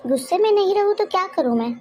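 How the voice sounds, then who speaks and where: A fussing, well-meaning mother-in-law from an animated family story, voiced by a woman. Her voice sits high and she pleads and scolds in a plaintive tone. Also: moderate pace, dry recording, natural voice. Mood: aggrieved. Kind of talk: cartoon story voice acting.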